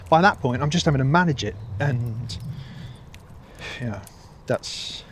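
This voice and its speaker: A man's voice: medium pitch, expressive, measured pace, a little hiss or hum. A man talking in a casual vlog monologue while out walking a dog, rambling with restarts and frequent swearing. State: hot and a little weary while walking. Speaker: vlogger.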